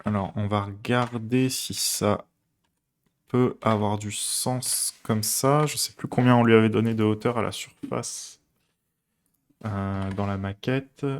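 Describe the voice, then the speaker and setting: Gravelly low man coding live. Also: steady tone, unhurried. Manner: thinks aloud with many fillers and restarts. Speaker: web developer streaming a coding session. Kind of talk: casual live coding chat.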